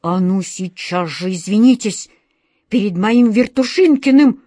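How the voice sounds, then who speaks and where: A woman voicing an excitable male tomcat wizard who talks in a fussy, pleading, and then threatening way, reading slowly in a dry recording. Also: medium pitch, no echo, heavily acted.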